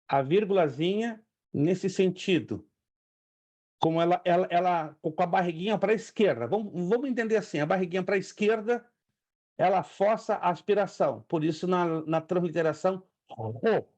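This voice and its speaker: A man's voice: sits high, expressive, moderate pace, darkish tone, no room sound. A man teaching a theology class as a pastor, patiently drilling Greek pronunciation and repeating key points. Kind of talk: online Greek lesson.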